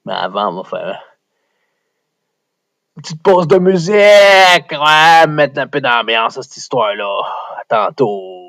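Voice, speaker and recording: Man, québécois accent, storyteller host, rambling, jokey, slow, lively pitch. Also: no room sound. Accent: Québécois French. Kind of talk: improvised storytelling.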